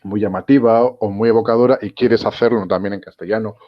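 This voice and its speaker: Low-voiced male interviewer on a video call. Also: steady tone, fairly quick. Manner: rambling questions with many restarts. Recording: dull lo-fi video-call sound.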